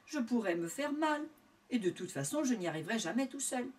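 Woman playing a little piglet, whiny, high voice, bouncy pitch, distant mic. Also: very animated, fairly quick. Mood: fretful. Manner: whimpering, plaintive. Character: small sad male piglet, whiny and hopeful.

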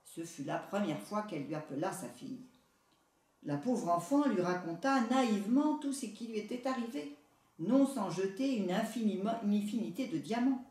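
A woman reading a fairy tale aloud in steady storytelling narration. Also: medium pitch, moderate pace. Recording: echoey room, voice far from mic.

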